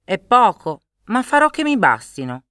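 A woman's voice: medium pitch, sing-song, moderate pace, fairly bright tone, no echo, studio quality, voice pushed up. A woman voicing an eager, cocky young man who mocks and boasts.

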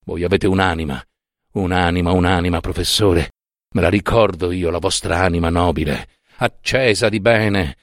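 A man's voice: low-pitched, normal speed, dry recording, studio quality, pitched below the performer's own voice, lightly acted. A man voicing an indignant young male professor who scolds and mocks with emphatic reproach. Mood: scolding.

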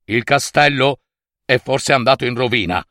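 A man's voice: medium pitch, normal speed, no room sound, clean studio sound, lightly acted. A man voicing a cautious, contented older father snail in a storybook reading. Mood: grumbling. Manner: calm, grumbling.

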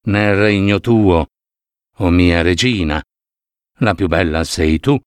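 A solemn magic mirror, voiced by a man reading a fairy tale, answers in a low, grave voice. Each phrase comes slowly and weightily. The recording is dry and close. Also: clean tone, dry recording. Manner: slow, grave pronouncements.

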